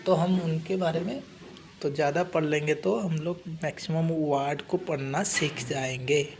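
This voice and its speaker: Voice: medium pitch, steady tone, measured pace, background noise. A phonics teacher giving a spoken lesson, explaining step by step, asking teaching questions and spelling out letters before repeating each example word.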